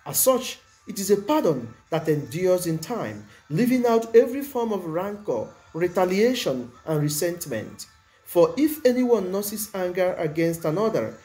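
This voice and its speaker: A man preaching with a lively, rising and falling delivery, leaning hard on key words. His tone is mellow and dark. Soft music plays faintly beneath the sermon. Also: sits high. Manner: measured, emphatic preaching with stressed words.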